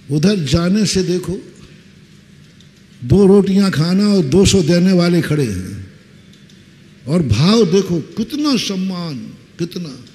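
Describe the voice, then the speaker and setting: Slow, higher-voiced preaching monk. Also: male voice, slight background noise. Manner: slow, lively storytelling with acted quotes. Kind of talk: sermon. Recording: long reverb, faint ambience.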